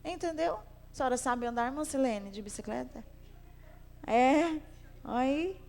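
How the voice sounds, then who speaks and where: A woman's voice: sits high, a little slow, gravelly, darkish tone. A woman pastor teaching a Sunday school Bible class in a conversational way, asking the class questions and repeating her phrases. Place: church hall. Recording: long hall reverb.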